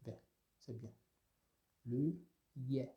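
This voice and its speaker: A man teaching a language lesson, saying each sound slowly and asking listeners to repeat, with many hesitant fillers. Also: medium pitch, steady tone, lo-fi sound. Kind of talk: slow spoken language lesson.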